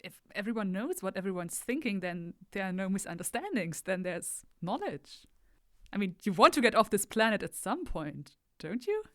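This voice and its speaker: A woman voicing a curious, gentle female alien tourist in a tabletop role-play, speaking in earnest, halting bursts. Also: medium pitch, sing-song, dry recording, clean studio sound.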